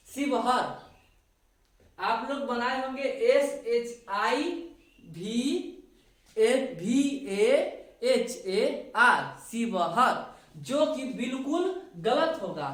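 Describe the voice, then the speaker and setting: Woman teacher, patient, drills spelling letter by letter; slightly high voice, very slow, echoing room recording. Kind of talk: classroom lesson, spelling out words. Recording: echoey room, voice from a distance.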